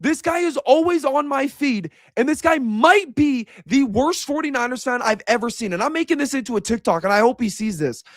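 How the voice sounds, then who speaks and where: A man's voice: extremely high pitch, lively intonation, a little fast, few pauses, no room sound, studio quality. A young man giving a heated, blunt reaction rant as a sports commentator. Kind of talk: ranting reaction video.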